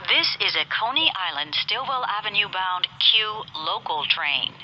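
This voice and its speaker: A woman reading scripted public transit announcements in an airport-announcement style, enunciating clearly in formulaic, separate phrases. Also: medium pitch, lively intonation, measured pace, sharp tone. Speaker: automated subway train announcer. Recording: muffled train PA, background noise.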